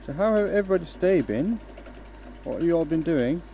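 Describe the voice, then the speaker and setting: Brisk and mellow, this Danish-born man's fairly high voice has lively intonation, with slight background noise behind it. He chats casually with viewers during his woodturning livestream, working a lathe in his home workshop. His talk is hesitant, with frequent fillers and false starts.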